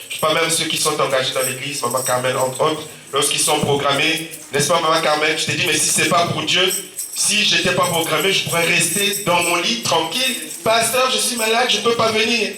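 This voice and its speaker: A pastor with a Central African French accent preaches a sermon in a church hall, fighting a sore throat and a cold and often calling out amen and alleluia. His voice is fairly high, bright, and forceful, with a steady tone and a slightly fast pace. Soft music plays behind him, and he's recorded from a distance in the echoey church.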